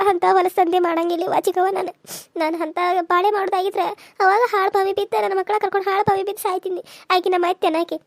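A woman's voice: very high-pitched, no echo, clean studio sound. A woman voicing a young widowed village mother who pleads and sobs as she complains, with a North Karnataka accent. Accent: North Karnataka Kannada. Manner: tearful, pleading, sobbing complaint. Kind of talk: cartoon serial dialogue.

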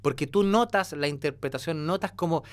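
A man's voice: on the high side, brisk. A man working as a vocal coach, reacting to a singing clip and breaking into sung demonstrations as he explains. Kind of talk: reaction video analysis of singing.

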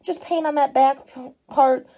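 A woman's voice: high-pitched, fairly even intonation, unhurried, warm tone, low-quality recording. A woman in her thirties chatting casually to viewers while filming on a handheld phone, upbeat and talkative. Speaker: dumpster diving vlogger. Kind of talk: casual vlog narration. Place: outdoors at store dumpsters and at home. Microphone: handheld phone camera.

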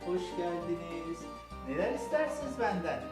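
Here an older man pitched high talks at a moderate pace in an animated way, hosting a toy-making show for children as their grandfather. He guides them through the crafts one step at a time, with terms of endearment and simple questions. There's music and a roomy echo.

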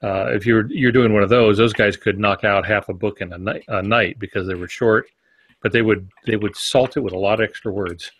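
A man's voice: on the low side, fairly even intonation, a little fast, fairly bright tone, slightly rough. A man co-hosting a podcast, chatting casually in a rambling, self-deprecating way.

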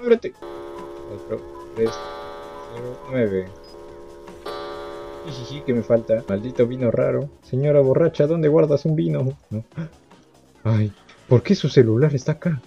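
A young man giving let's-play commentary, muttering to himself and breaking into high yelps and laughs. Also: unhurried, gravelly, long pauses. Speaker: gamer. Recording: dull lo-fi sound with game music.

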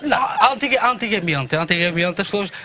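Bright, animated man. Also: fast talker, very noisy. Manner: animated, playful, acts out voices with big pitch jumps. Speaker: comedian guest. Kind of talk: comic storytelling in a radio interview.

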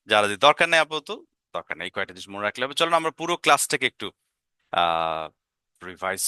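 A man's voice: mid-range voice, sharp tone, dry recording, studio quality. A man teaching an English grammar lesson, explaining step by step, often checking "right?" and sounding out vowels.

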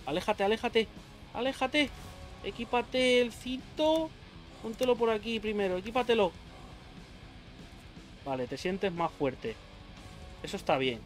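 During a boss fight, a gaming YouTuber with a high, animated voice speaks unhurriedly with long pauses, over faint game music. His commentary is still frantic, mixing swearing, yelps, and self-talk.

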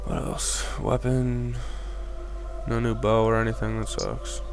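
A man's voice: on the low side, sing-song, unhurried, gravelly. Young man chatting casually over game music. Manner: profane, informal. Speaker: let's play gamer. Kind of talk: casual gaming chat. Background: faint game music.

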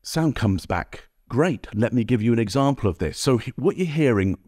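A man presenting a direct-to-camera tutorial as a body language expert, speaking energetically to the viewer and checking in with a frequent "okay?" on a high-end studio microphone. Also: lively intonation, moderate pace, a little mellow, no echo.

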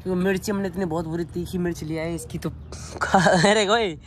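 A man's voice: sits high, fairly even intonation, fast talker. A young man with a rural north Indian Hindi accent, vlogging casually and teasing a friend on an outdoor rooftop, filmed on a handheld phone. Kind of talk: casual vlog chat. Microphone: handheld phone camera. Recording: noisy outdoor phone audio.

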